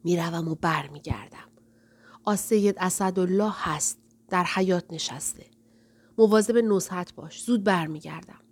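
Hoarse mother, dry and hurried, worried for her child, read by a woman. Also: medium pitch, a little mellow, close to an everyday voice. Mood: whispering.

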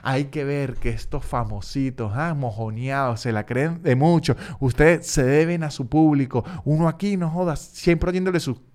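A man's voice: mid-range voice, moderate pace, hardly any pauses, a little mellow, lightly acted. A man quoting an angry Venezuelan fan. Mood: resentful. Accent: Venezuelan Spanish. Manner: scolding, name-calling rant. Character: indignant middle-aged male fan, resentful and insulting.

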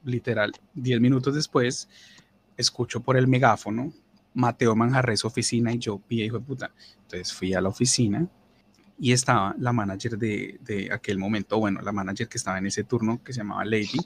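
A man's voice: fairly quick, a little hiss or hum. A young Colombian man animatedly telling a funny work story, swearing and mimicking people. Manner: animated, swearing, mimics others in higher voices. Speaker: podcast host. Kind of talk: casual storytelling.

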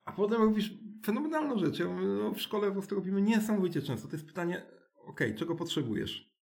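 A man, a school director, explaining his ideas in a conversational interview, halting with many restarts and tag questions. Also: sits high, gravelly, darkish tone. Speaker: alternative school director, guest.

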